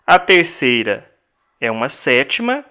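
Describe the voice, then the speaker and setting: Slow, bright-voiced Brazilian male teacher. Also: mid-range voice, sing-song, clean tone. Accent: Brazilian Portuguese. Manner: methodical, repeats and counts out syllables aloud. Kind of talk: recorded lesson explanation.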